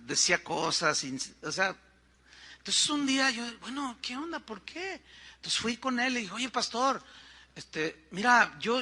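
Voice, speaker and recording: A man's voice: very high-pitched, sharp tone. A middle-aged man from Mexico with a Mexican Spanish accent, a pastor telling a story in a sermon, acting out the voices of the people he quotes and adding conversational asides.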